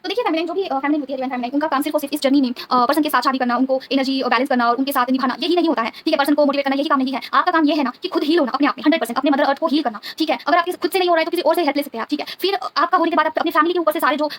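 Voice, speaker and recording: Very fast, high-voiced woman spiritual guide. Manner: devout, keeps asking the listener "okay?". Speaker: tarot reader and spiritual guide. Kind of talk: earnest spiritual talk to viewers.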